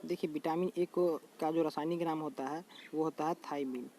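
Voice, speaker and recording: A slightly high, steady and warm male voice delivers a general knowledge lesson in a loose, repetitive manner. He often addresses viewers as friends and repeats terms at a slow pace, over faint background noise.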